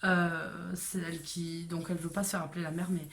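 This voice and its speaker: A woman's voice: on the low side, level tone, a little fast, fairly bright tone. A woman telling a personal story to camera in a casual way, hesitant with many fillers and restarts.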